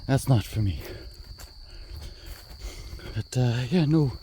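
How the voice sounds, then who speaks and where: A man talks his way down a wooded trail in a mid-pitched voice, musing aloud with easy fillers. He speaks into a handheld camera while he walks. Crickets and insects buzz faintly behind him. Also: animated, slow pace, mellow, slight background noise. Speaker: hiking vlogger host. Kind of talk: casual walk-and-talk narration. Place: outdoors on a wooded prairie trail.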